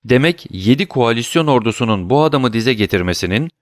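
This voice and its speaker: Man doing a stern old king of France, commanding, raised and sharp, dry close sound. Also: mid-range voice, animated, a little fast, no room sound, pitched above the performer's own voice, close to an everyday voice. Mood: imperious, alarmed. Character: aging French king, imperious and alarmed.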